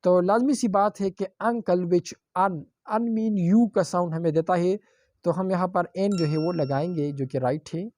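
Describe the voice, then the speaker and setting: Man slowly teaching grammar examples. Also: high voice, darkish tone, slight background noise. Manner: explains step by step, repeating examples slowly; mixes English phrases into explanations. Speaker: English teacher. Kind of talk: online grammar lecture.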